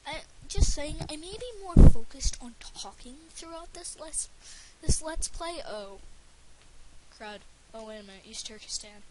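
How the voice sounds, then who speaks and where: Woman gamer, casual let's play commentary, voice a bit high, rambling delivery with frequent restarts, faint hiss on a home mic. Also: animated, measured pace. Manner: rambling, stumbles and restarts, filler "um" and "like".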